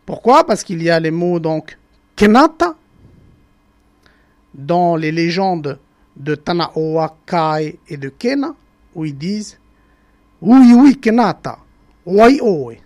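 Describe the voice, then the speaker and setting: A speaker from the Marquesas Islands, explaining how words changed in a deliberate broadcast talk that pauses often to search for words and repeats example words. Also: medium pitch, lively intonation, a little mellow. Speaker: language presenter on a broadcast.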